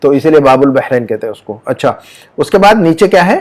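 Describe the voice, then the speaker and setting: A man's voice: mid-range voice, big pitch swings. Patient man teaching Arabic words. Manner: patient, repeats words and checks with "है ना?"; stretches Arabic words slowly to model sounds. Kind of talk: language lesson with a student.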